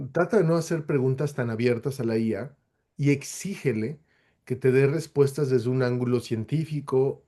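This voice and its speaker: A man's voice: mid-range voice, warm tone. A man speaking as a webinar guest, answering audience questions in an explanatory way and often tossing in rhetorical questions.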